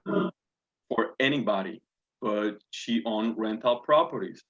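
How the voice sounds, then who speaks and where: A Puerto Rican man in his forties, a navy officer appearing as a guest, answers interview questions earnestly and politely in a Puerto Rican Spanish accent. His lowish, fairly bright voice moves at a measured pace, full of fillers and restarts. The audio is dull and lo-fi.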